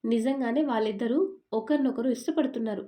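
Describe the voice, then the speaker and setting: Fed-up young husband, woman reading it, scolding and teasing, mellow voice. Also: on the high side, fast talker, natural voice. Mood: exasperated. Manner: scolding, exasperated.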